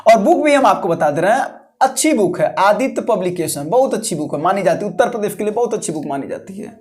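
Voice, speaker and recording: A man's voice: high-pitched, animated, quick pace, darkish tone. Coaxing man teaching. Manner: repetitive, coaxing, colloquial exhortation. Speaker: coaching teacher. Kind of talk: exam guidance talk to students.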